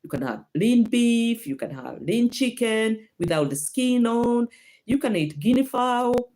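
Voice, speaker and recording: Her voice sits fairly high and sounds lively, though she speaks a bit slowly and with a somewhat dark tone. This Kenyan-accented host runs an informal health livestream, responding to comments with frequent fillers and false starts. She's picked up by a phone or laptop mic.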